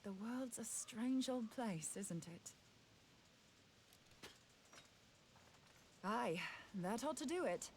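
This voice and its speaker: A woman's voice: a little high, expressive, measured pace, slight background noise. A woman playing a plucky, wry female scholar in a video game, speaking in a chatty, informal way. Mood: reflective. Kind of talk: scripted video game voice acting.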